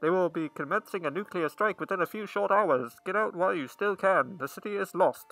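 A man's voice: high-pitched, fairly quick, fairly bright tone, faint music behind, pitched above the performer's own voice, low-quality recording. A man voicing a male emergency radio broadcaster, reading a warning in a put-on voice. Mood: urgent.

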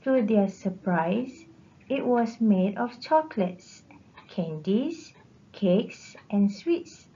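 A teacher with a Malaysian English accent reading a storybook aloud to her class in a careful, measured way, in a dull lo-fi recording. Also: medium pitch, animated, mellow.

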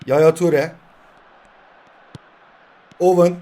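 Excitable young male gamer, loud bursts over his own mobile football match, then quiet grumbling. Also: a little high, very slow. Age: 20s. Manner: excitable, shouts at players, swings between yelling and muttering. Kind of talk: live gameplay commentary.

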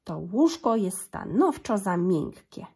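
A woman voicing a curious little girl who wonders aloud, sometimes in a whisper, with a breathy tone. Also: medium pitch, very animated, slow pace, warm tone, faint music behind, exaggerated voice.

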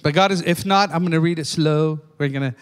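Older male preacher, high voice, fervent sermon delivery, long hall reverb. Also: a little fast, clean tone. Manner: fervent, repeats "amen?" to the congregation. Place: church.

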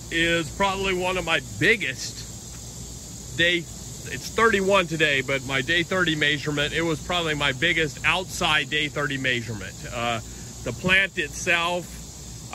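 A man's voice: on the high side, a little hiss or hum, low-quality recording. A middle-aged man giving a casual, rambling walking tour of his giant pumpkin garden outdoors, filmed on a handheld phone. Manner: relaxed, rambling, explains as he walks.

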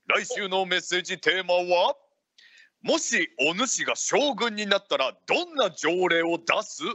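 A man's voice: high-pitched, very animated, measured pace, pushed and bright, exaggerated voice. A man playing a genial feudal Japanese ninja lord hosting live radio, speaking in archaic samurai-era phrasing. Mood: hearty, announcing. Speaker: radio show host.

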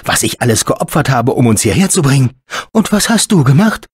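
A man voicing a chatty, nervous male robot sidekick in a dubbed video game, talking in an excitable rambling way. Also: medium pitch, moderate pace, breathy edge, dry recording, studio quality. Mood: resentful.

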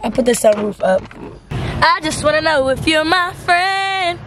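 A young woman chats into a handheld camera from a car at night, blunt and teasing. Her voice sits high. Steady road and engine noise hums under her words. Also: a little slow. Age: young adult. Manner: blunt and playful, talks to viewers. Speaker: vlogger. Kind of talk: casual chat. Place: car at night and gas station.

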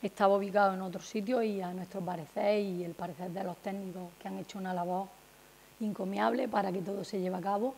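A woman's voice: medium pitch, fairly even intonation, fast, gravelly, darkish tone, slight background noise, low-quality recording. A woman, giving a semi-formal presentation as a town councillor at a desk microphone. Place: small indoor meeting room. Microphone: gooseneck desk microphone.

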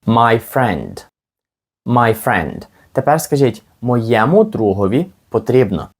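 Male teacher, Ukrainian accent, patient explaining, animated pitch, slow repeated phrases. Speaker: English teacher. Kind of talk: language lesson with slow repetitions.

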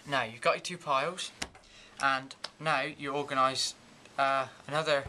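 Teen guy explaining a card trick step by step, bright voice, halting amateur magician patter, bit of hiss and clicks. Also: mid-range voice, steady tone. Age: teens. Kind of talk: informal step-by-step demonstration and explanation. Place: indoors at a table and whiteboard.

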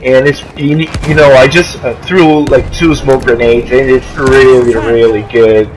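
Speaking in a mid-range voice with fairly even intonation, a young Brazilian man narrates his gameplay in English, which isn't his first language, his Brazilian Portuguese accent clear as he halts, searches for words and restarts many times. He coughs now and then from allergies. The noisy, low-grade home recording was made at a friend's house during a trip, on an improvised mic instead of his normal one.

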